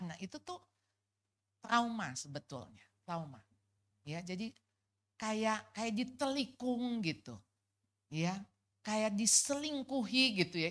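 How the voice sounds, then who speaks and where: A middle-aged woman from Jakarta, her voice mid-range, recounts her personal testimony at a couples' fellowship in church. The delivery is lively and relaxed, with colloquial remarks tossed in.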